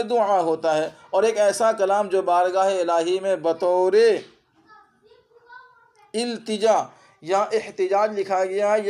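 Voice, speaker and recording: This is a man teaching Urdu grammar for an exam, his accent Indian Urdu, going over terms repeatedly and posing quick questions to check his students. His pitch sits high and the tone leans dark.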